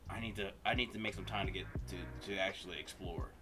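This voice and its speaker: A man's voice: low voice, steady tone, fast talker, loud music behind the voice. A man hosting a reaction video, chatting casually and correcting himself as he rambles.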